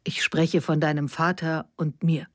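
A woman's voice: deep voice, little pitch movement, unhurried, no echo, studio quality. A woman voicing a nervous middle-aged mother who pleads and defends herself, read as part of an audiobook story. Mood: defensive. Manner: pleading, flustered.

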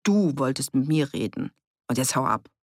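Woman reading as a gruff, brusque farmer. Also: a bass voice, lively intonation, normal speed, darkish tone, no echo, studio quality. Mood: curt. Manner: curt, brusque. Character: gruff, dismissive male farmer.

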